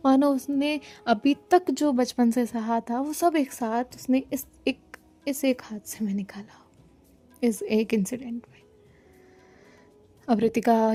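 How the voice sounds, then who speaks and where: A woman storyteller narrating with drama, dropping into whispers at tense points. Her voice is mellow and fairly high. Faint music runs beneath the narration.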